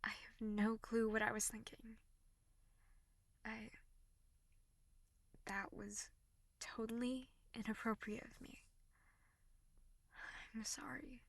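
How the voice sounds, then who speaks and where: A woman acts out a young female tsundere tutor in an audio role-play, with a high voice and a gravelly fry at its edges. She is snappy and sharp-tongued but turns halting, breathy and remorseful, taking her time over the words. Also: dry recording. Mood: soft, remorseful. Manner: sharp scolding that softens into halting, breathy near-whispers.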